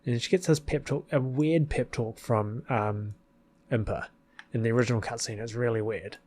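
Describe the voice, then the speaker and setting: A video creator explains his fan film edit in casual, rambling commentary, thinking aloud in an informal, hesitant way. He speaks at a normal speed in a mid-range, slightly mellow voice.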